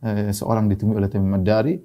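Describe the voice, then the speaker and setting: A man preaching in a lively storytelling manner, mixing recited Arabic quotations into his talk, with frequent fillers and chuckles. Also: on the low side, quick pace, highs cut off. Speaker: Islamic preacher. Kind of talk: storytelling sermon.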